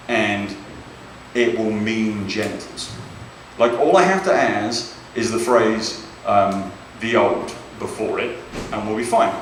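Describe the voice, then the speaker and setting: A lowish-voiced British man performs a stand-up set on a comedy club stage, chatty and self-deprecating, frequently checking in with "right?". He's picked up from a distance in an echoey club, with slight background noise.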